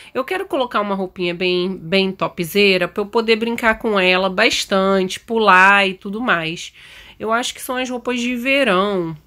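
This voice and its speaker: Playing the role of a mom in a game, this Brazilian gaming host talks in a chatty way directly to her audience, her accent Brazilian Portuguese. She has a medium-pitched voice with a sharp tone.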